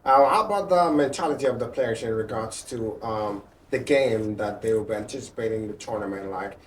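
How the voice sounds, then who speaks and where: A man's voice: on the low side, fairly quick. A man interviewing a football captain, asking long rambling questions full of fillers. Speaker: sports interviewer. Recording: roomy, distant mic with light noise.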